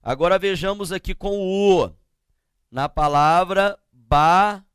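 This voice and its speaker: A man teaching a grammar lesson, explaining slowly and often asking the class to check they follow. He speaks with a Brazilian Portuguese accent. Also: high-pitched, smooth, no echo, studio quality. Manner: slow, drawn-out explanations with frequent checking questions.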